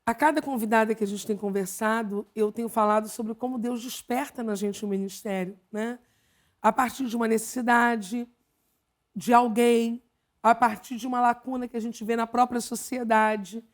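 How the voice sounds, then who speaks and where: A Brazilian woman, a pastor hosting an interview, asking measured questions and affirming her guest. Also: on the high side, fairly even intonation. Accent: Brazilian Portuguese. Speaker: pastor and host.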